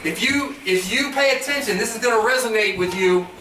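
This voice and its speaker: A man's voice: high voice, a little fast. A man giving a pre-game pep speech to a young team, exhorting them and repeating phrases for emphasis. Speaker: guest motivational speaker addressing a school basketball team. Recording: distant mic, echoey room, faint noise.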